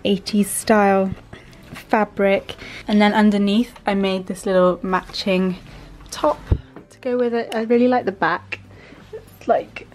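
A young woman in her twenties, a fashion student chatting casually to camera in her bedroom, upbeat and quick to laugh. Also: mid-range voice, darkish tone. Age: 20s. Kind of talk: casual vlog chat to camera.

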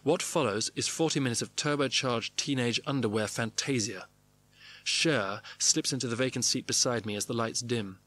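A man's voice: mid-range voice, normal speed, fairly bright tone, dry recording. A man narrating his own diary entries in clipped, wry phrases. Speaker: narrator reading his diaries. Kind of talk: scripted memoir narration.

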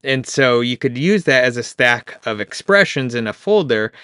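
Casual male tutorial host, smooth voice, chuckly, dry close-mic sound. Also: mid-range voice, normal speed, no room sound. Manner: relaxed, chuckles often, many fillers. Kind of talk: casual screen-recorded software tutorial.

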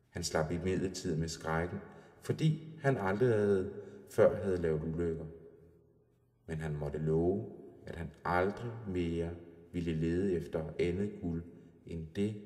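Man, storybook narration, calm, deep mellow voice, roomy reverberant room. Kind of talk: storybook reading.

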